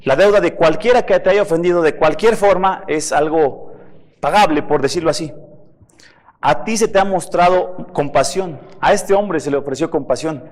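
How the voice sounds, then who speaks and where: A man's voice: fairly high pitch, normal speed, big-room sound. A man preaching a sermon as pastor, emphatic, asking the listeners rhetorical questions. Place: church.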